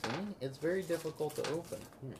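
A hoarse woman talking calmly and gently with a child at home. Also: deep voice, quick pace. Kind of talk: casual home chat. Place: family home indoors. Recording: noisy home recording.

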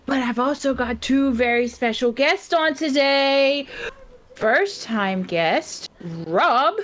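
An American woman co-hosting a podcast in casual chat, chatty and quick to laugh. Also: high voice, lively intonation, a bit bright. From United States. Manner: giggly and chatty, laughs often. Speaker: podcast co-host.

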